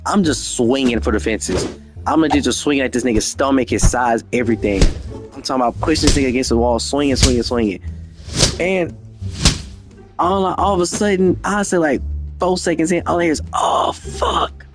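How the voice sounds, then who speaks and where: A man's voice: medium pitch, a little fast, music in the background. A young man telling a story from his own life, with lots of slang and profanity, acting out the dialogue himself. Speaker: storyteller, channel host. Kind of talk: casual storytime monologue.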